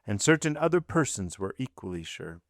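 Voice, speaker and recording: A man's voice: fairly low pitch, very animated, a little fast, dry recording, clean studio sound. A man reading aloud, voicing a stern magistrate who questions his wife in a blunt, commanding way. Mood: accusing. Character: cold, stern magistrate husband.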